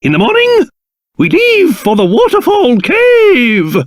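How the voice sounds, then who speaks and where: A man voicing a pompous, excitable old cursed king in a video game, with a British accent and old-fashioned, theatrical speech. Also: very high-pitched, slow pace, no echo, clean studio sound, heavily acted. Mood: brisk, regal. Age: older. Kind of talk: video game character voice acting.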